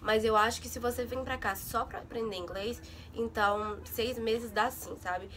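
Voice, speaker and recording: There's a little hiss or hum under this young Brazilian woman's casual vlog. Her pitch sits fairly high and her tone stays steady and fairly bright at a moderate pace, while she chats to her audience with frequent "sabe?" and "gente".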